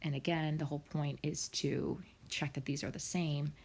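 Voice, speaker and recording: A woman's voice: low-pitched, steady tone, moderate pace, vocal fry, a little mellow, a little hiss or hum. A woman math teacher talking through worked problems in a recorded online lesson, at times dropping almost to a whisper.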